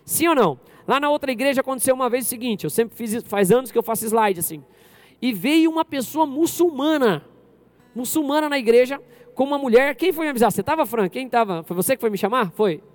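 A man from Brazil preaching a lively sermon to his congregation as pastor, often questioning the crowd directly. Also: very high voice, fast talker. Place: church service.

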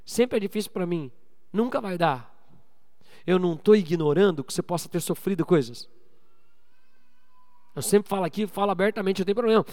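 A man preaching a sermon as pastor, calling on the congregation for amens and swinging between loud exhortation and quiet asides. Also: sits high, expressive, fairly quick, long pauses, long reverb tail. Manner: preaching with call-and-response to the congregation.

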